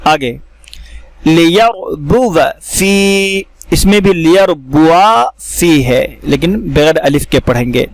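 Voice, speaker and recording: A man teaching how to read the Quran, explaining each word and then reciting it slowly with drawn-out vowels. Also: a little high, creaky, no room sound. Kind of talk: step-by-step recitation lesson.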